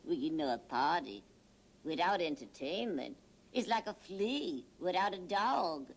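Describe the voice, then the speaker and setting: A woman's voice: on the low side, expressive, a little slow, pitched below the performer's own voice. A woman voicing a cheeky, wisecracking young male horse puppet on a children's show, with a brash, slangy manner. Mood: sassy.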